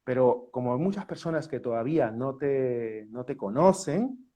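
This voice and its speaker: A man with a Peruvian Spanish accent hosting an interview over a live video call, welcoming and eager, with quick interjections. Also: medium pitch, expressive, warm tone. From Peru. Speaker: host. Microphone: phone or webcam on a video call.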